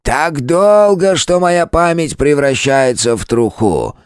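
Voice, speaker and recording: A man voicing an ancient, stubborn male turtle elder who speaks with loud, drawn-out passion. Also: on the high side, expressive, clear, resonant tone, no room sound, clean studio sound, voice pushed up. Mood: impassioned. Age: older.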